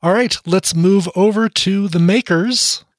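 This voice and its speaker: Brisk male host. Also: sits high, dry recording, clean studio sound. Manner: brisk, keeps things moving. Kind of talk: hosting a panel.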